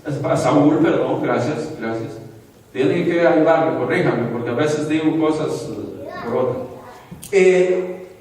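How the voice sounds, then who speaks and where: A man's voice: fairly high pitch, unhurried, darkish tone. A man preaching a sermon in an informal, conversational way, asking the congregation questions and correcting himself as he goes. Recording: echoey hall from far off.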